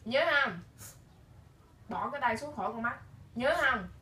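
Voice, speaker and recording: A woman's voice: a little high, expressive, a little slow, bright, forceful tone. A mother, sternly scolding her child at home with question after question, filmed by a camera some distance away. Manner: stern, firing repeated questions. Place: room at home. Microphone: camera held by someone else some distance away. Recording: echoey room from a distance, faint hiss.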